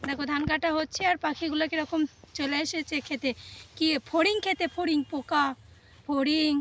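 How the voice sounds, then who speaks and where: Talking straight to her viewers while working in a rice field, a young woman gives chatty, casual vlog narration. Her voice is high, a bit bright, and steady in tone, at a moderate pace, with faint rural sounds and birds in the background.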